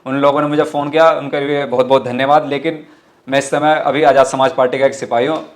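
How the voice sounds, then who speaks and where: Speaking fast in a mid-range, level voice, a man from western Uttar Pradesh answers an interviewer's questions as a party activist. The talk is political rhetoric, delivered earnestly and emphatically, with frequent repetition of his own phrases.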